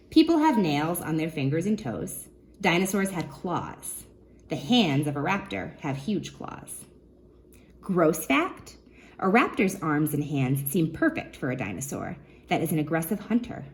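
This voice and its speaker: Here a children's librarian, a woman with a fairly low voice, reads nonfiction aloud in an expressive way, breaking off to pose questions to the young listeners.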